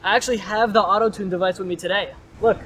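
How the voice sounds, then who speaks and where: A playful, smug teenage boy , played by a young man with a high voice. He sounds pleased with himself. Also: fairly even intonation, fast talker, a bit bright, a little hiss or hum, poor audio.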